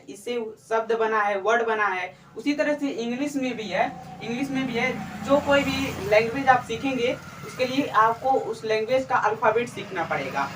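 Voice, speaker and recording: A woman's voice: fairly high pitch, slight background noise. A woman teaching in a lesson style, asking the class questions and then answering them herself. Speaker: English teacher. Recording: roomy, mic far from speaker.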